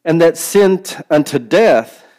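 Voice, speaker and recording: A man with a somewhat high voice teaches in a podcast sermon. He speaks emphatically, posing rhetorical questions and prompting the listener as a preacher would. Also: lively intonation, unhurried, a little mellow. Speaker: podcast host and Bible teacher.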